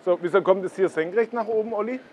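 A man's voice: high voice, fast talker, darkish tone. A man hosts a koi blog, explaining things casually at a pond and pointing them out to the viewer.

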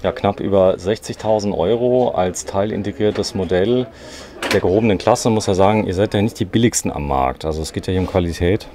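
The show host's voice here is low, mellow and brisk. Touring a camper van at a trade fair, he interviews cheerfully, recapping features and throwing in questions.

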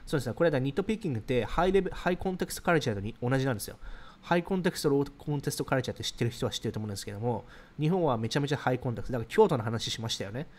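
A man in his thirties talks quickly and casually on a livestream, answering viewer comments as they come in. His pitch is mid-range and he moves briskly from one point to the next, explaining as he goes. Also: animated, a little mellow. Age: 30s. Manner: rapid, chatty, explains ideas while reacting to comments.

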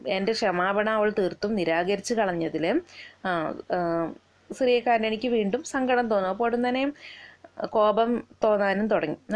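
A woman teacher who reads passages from a short story aloud, then slowly and patiently explains each one in plain words. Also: a little high. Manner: slow and patient, pausing often to paraphrase each passage. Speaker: literature teacher.

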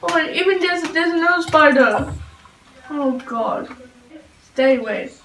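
A woman hosting let's-play gameplay commentary, panicky and yelping, with halting speech that repeats and restarts phrases. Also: high-pitched, lively intonation, a bit bright, distant mic, a little hiss or hum. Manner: panicky, frequent yelps and exclamations. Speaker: gamer host. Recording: roomy, off-mic, with game music.

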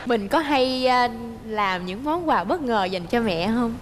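A woman's voice: fairly high pitch, lively intonation, unhurried, slight background noise. A woman interviewer asks the guests short, polite questions.

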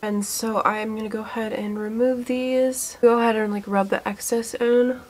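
Close to the camera in a small room, a young beauty vlogger reviews a skincare product casually, her voice congested from a cold as she chatters eagerly with plenty of likes and ums. Her voice is on the high side, steady, a little mellow and at normal speed, with faint music in the background.

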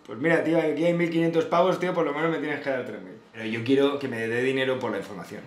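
A man in his thirties with a Spanish accent banters casually as the host of a prank show, his mid-range voice moving at a quick pace. He's recording in a small home office, where the room sounds echoey and there's faint background noise.

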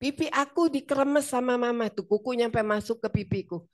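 A woman's voice: on the high side, normal speed, pitched above the performer's own voice, lightly acted. An older woman voicing her young grandson, who complains in a whiny, raised voice.

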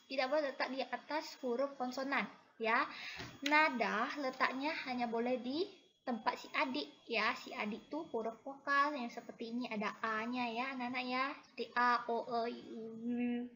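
High, sharp-voiced woman teaching young children. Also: low-quality recording. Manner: patient, repeats "ya" and "anak-anak" constantly; drawn-out, loud modeling of syllables. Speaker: primary school teacher. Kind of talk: recorded lesson for first graders.

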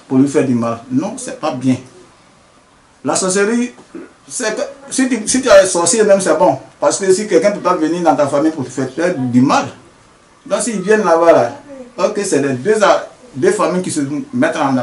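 A man explains his work as a traditional healer, his voice sitting a little high. He talks earnestly and often breaks off to restart his sentences. The recording carries a clear echo from the room. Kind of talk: interview answers.

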